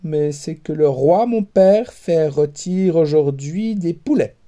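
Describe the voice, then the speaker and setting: A man's voice: on the high side, animated, slow pace. A man reading a storybook, voicing a haughty young princess who mocks and orders people about. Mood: imperious. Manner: sharp, commanding, teasing.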